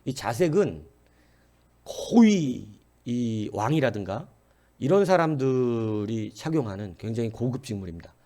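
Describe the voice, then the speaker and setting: A man's voice: mid-range voice, big pitch swings, measured pace, dark tone. A middle-aged man teaching a church history sermon in a conversational way, often asking the congregation questions and acting out quoted voices. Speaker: pastor.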